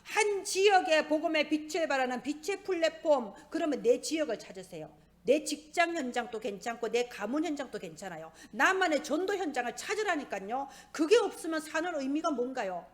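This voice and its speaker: A woman's voice: high voice, big pitch swings, brisk. A woman pastor preaching a sermon with emphatic, rising and falling stress.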